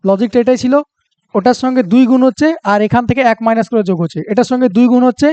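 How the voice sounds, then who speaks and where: A man's voice: extremely high pitch, fairly even intonation, rapid-fire, darkish tone, clear, resonant tone, no echo. A man with a Bengali accent teaching a reasoning lesson for exam prep, talking through each step aloud and checking that students follow.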